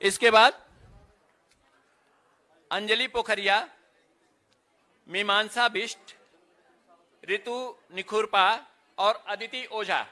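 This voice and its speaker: High bright man reading names. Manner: steady roll-call of names, brisk stage directions. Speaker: event announcer. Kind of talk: reading out names at an award ceremony.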